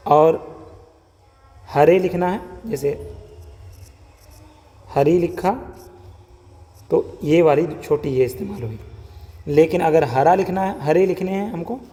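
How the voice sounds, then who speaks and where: A man teaching a slow, patient writing lesson, sounding out each letter and repeating words for his viewers. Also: fairly high pitch, warm tone, big-room sound.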